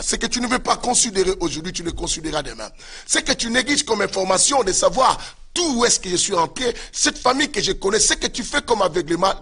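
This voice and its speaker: A male pastor preaching with fervor, his voice pitched high and bright. He swings his tone up and down freely and keeps calling out to his listeners, with a slightly husky edge. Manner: fervent preaching with repeated direct address to listeners. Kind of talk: sermon.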